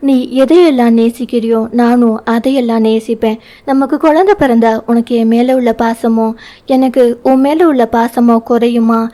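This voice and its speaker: Tender teasing young husband, woman reading it out, mellow higher voice, audio novel. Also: fairly even intonation, moderate pace, lightly acted. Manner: playful teasing, turns soft and pleading.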